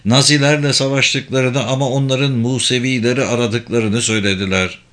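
A man's voice: mid-range voice, fairly even intonation, normal speed, a bit bright, lightly acted. A man voicing a troubled grown man with bad news.

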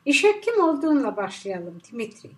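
A hard, commanding tough guy barks short orders in a storybook thriller, as a woman narrator reads him. The voice sits high and swings widely. The delivery is clipped and stern. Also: very animated, moderate pace, a little mellow.

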